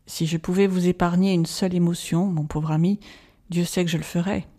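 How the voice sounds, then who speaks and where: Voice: mid-range voice, fairly even intonation, warm tone, close to an everyday voice. A reader voicing a grave old professor. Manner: solemn, measured pleading. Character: old male Dutch professor, grave and patient. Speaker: audiobook reader. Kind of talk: audiobook narration.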